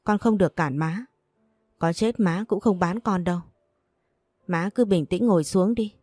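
A woman's voice: fairly low pitch, measured pace, darkish tone, dry recording, clean studio sound. A woman voicing a worried poor mother from the countryside who scolds and pleads with her daughter. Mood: pleading. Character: worried poor rural mother, stern but tender.

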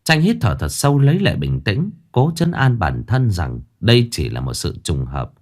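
A man narrating a dramatic ghost story in an expressive way. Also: on the low side, moderate pace.

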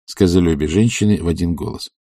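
A man reading a novel aloud as narrator, in calm, even narration. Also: low voice, fast talker, dry recording, clean studio sound. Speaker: audiobook reader. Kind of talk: scripted narration.

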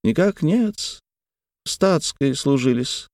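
A man's voice: a little high, expressive, takes it slowly, creaky, a little mellow, no room sound, clean studio sound, pitched above the performer's own voice, exaggerated voice. A man playing a fussy, fawning old servant. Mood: mournful. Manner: fussy, eager, repeats words.

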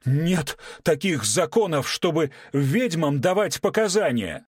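A man voicing a frantic middle-aged male house manager who keeps denying everything in a shrill, indignant voice. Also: very animated, a little slow, dry recording, clean studio sound.

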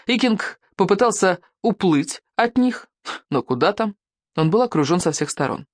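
An audiobook narrator telling an adventure story in a lively manner, doing voices for the characters. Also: medium pitch, dry recording, studio quality. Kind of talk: scripted narration.

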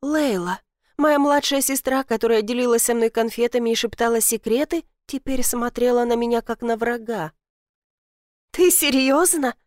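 A woman narrating a first-person novel in measured audiobook style. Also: fairly high pitch, steady tone, darkish tone, no room sound, studio quality.

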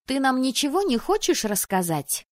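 A woman voicing a lively, blunt young woman with glasses who teases her friends, in a bright, raised, emphatic voice. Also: sits high, moderate pace, no room sound, studio quality, voice pushed up. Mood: lively teasing.

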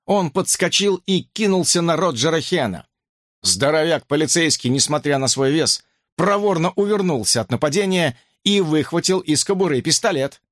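A man narrating a horror audiobook with an expressive, dramatic reading. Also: a little high, normal speed, dry recording, studio quality.

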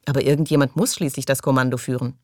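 A woman reading an audiobook and voicing a calm, self-assured man who speaks in a measured, unruffled way. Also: a bass voice, no echo, clean studio sound.

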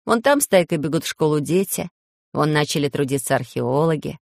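Expressive woman narrating a story. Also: low voice, brisk, creaky, no room sound, clean studio sound. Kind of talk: audiobook narration.

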